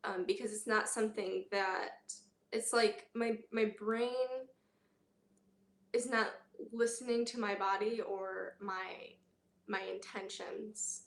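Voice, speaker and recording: A woman talking candidly in a personal health vlog, halting often with fillers and pauses. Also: medium pitch, steady tone, roomy sound. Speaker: vlogger.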